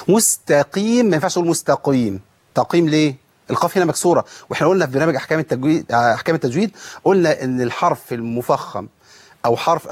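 Man, Egyptian accent, recitation teacher, rapid talk, slightly high voice, slows down to demonstrate sounds. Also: slightly rough. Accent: Egyptian Arabic. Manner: explains briskly, then draws out sounds slowly to demonstrate them. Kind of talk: tajweed lesson.

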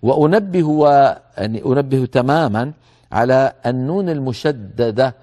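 A man giving a tajweed lesson, calmly explaining the rules and slowly repeating words to demonstrate them. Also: mid-range voice. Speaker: Quran recitation teacher.

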